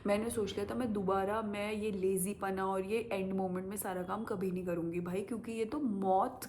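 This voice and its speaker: A woman's voice: medium pitch, moderate pace, slight background noise. A young woman telling a story casually to camera as a vlogger, acting out the voices of the people in it. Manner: animated, acts out quoted voices.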